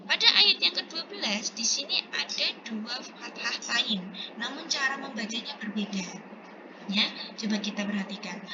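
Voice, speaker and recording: A woman teacher giving a recorded tajwid lesson, explaining step by step and reciting verses slowly. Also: fairly high pitch. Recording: dull lo-fi recording with background noise.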